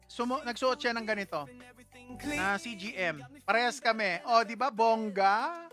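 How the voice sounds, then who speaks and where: A woman's voice: a little high, lively intonation, normal speed, over music. A Filipino woman hosting a live stream, chatty and exclaiming as she greets viewers and laughs at her own slips. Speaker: livestream host. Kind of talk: casual live stream shoutouts.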